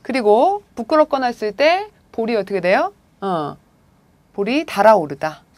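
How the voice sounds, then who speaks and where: Lively woman teaching a language lesson. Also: fairly high pitch, normal speed, no room sound. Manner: lively lecturing, frequent "자" prompts and rhetorical questions. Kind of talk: recorded video lecture.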